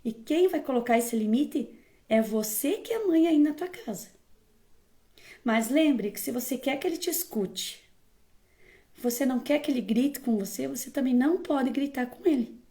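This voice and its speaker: High-voiced woman giving firm parenting advice. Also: animated, normal speed, dark tone. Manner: firm and emphatic, often checks in with the listener. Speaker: parenting educator. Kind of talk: casual advice talk to viewers.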